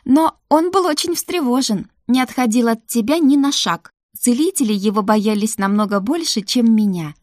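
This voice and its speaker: Storybook figure: a woman playing a playful young wife and friend, higher and brighter. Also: animated, moderate pace, hardly any pauses, no echo, studio quality, close to an everyday voice. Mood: lively. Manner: bright and teasing. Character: Mira, lively young woman friend, teasing.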